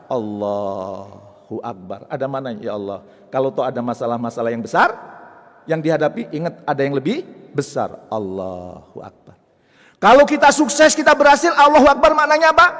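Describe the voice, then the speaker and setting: A man giving a lively religious talk to an audience, jumping between loud high bursts and soft low asides and acting out little scenes. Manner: jokes and acts out little scenes. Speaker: preacher and motivational speaker. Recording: long hall reverb.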